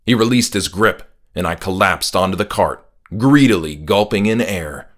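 With lively intonation and a moderate pace, a man in a low-pitched voice narrates his own horror audiobook as a dramatic first-person storyteller. It's scripted narration set against music.

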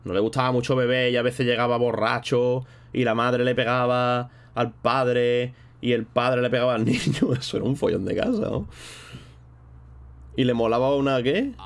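A man's voice: mid-range voice, moderate pace. A man streaming live, chatting casually and rambling in a slangy way while thanking viewers between thoughts. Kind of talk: casual livestream chat.

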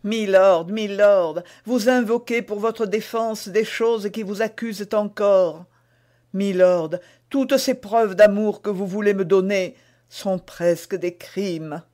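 A man's voice: slow pace, darkish tone. A man doing an anguished young queen. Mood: reproachful. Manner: pleading, rising to high emotional cries.

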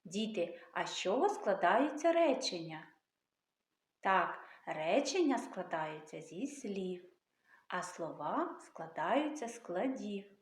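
A woman's voice: medium pitch, big pitch swings, takes it slowly. A woman teacher asking young children questions about speech and praising their answers. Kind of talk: early literacy lesson for young children. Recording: echoey room.

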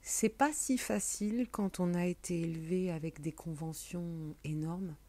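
A woman's voice: on the low side, a little slow, dark tone. A woman giving a casual, meandering tarot card reading. She chats along and sometimes drops into a whisper.

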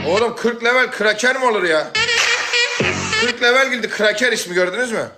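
A man hosting a livestream, teasing his guest and breaking into loud shouting. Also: very high voice, a little fast, loud music behind the voice. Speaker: livestream host. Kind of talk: rowdy livestream banter.

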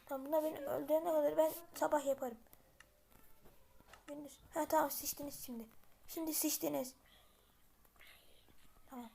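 A woman giving casual gameplay commentary, muttering to herself and then yelling in panic. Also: sits high, steady tone, normal speed, creaky, long pauses, a little hiss or hum. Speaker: gameplay video maker.

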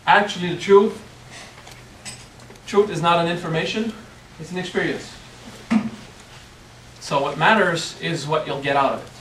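This spiritual teacher, middle-aged and French-accented, keeps his workshop talk playful and punctuated by "okay?". His voice is a little high and fairly bright, at normal speed with long pauses. Recorded by a far camera in a hotel meeting room, it sounds echoey, with a faint hiss or hum.

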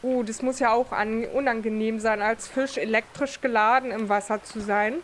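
A woman's voice: fairly high pitch, fairly even intonation, normal speed, slight background noise. A woman hosting a let's play, giving casual gameplay commentary and thinking aloud with fillers.

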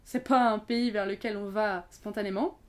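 A young woman in her twenties talks as a podcast guest in a relaxed, chatty way. She strings her thoughts together with fillers and restarts, never quite finishing one sentence before the next begins. Her pitch sits in an ordinary middle range. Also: moderate pace. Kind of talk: casual conversation.

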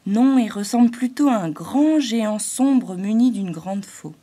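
A woman's voice: a little high, animated, a little slow, warm tone. A woman voicing a timid little female thought-spirit, a glowing halo, in a fairy-tale audiobook. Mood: earnest. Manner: shy, hesitant, growing earnest.

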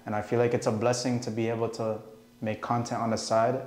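Laid-back young man, flat delivery. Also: medium pitch, a little fast. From Canada. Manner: laid-back, relaxed, leans on "like" and "bro". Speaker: guest barber. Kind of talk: casual interview chat. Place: studio set, indoors. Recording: echoey room.

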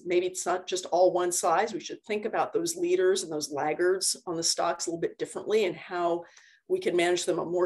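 Her low, darkish voice comes through a video call computer microphone as this woman, a university lecturer, talks informally through slides and answers questions. She keeps it conversational, explaining ideas with everyday analogies.

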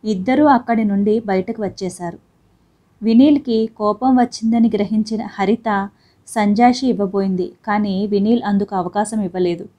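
A woman narrating a family drama story in a steady, even reading voice. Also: mid-range voice.

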